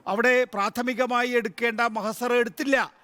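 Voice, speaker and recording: Malayali man, news debate moderator; very high voice, firm, interjecting; dry, close studio mic. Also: steady tone, a little slow, bright, forceful tone, dry recording. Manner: cuts in, presses guests to listen.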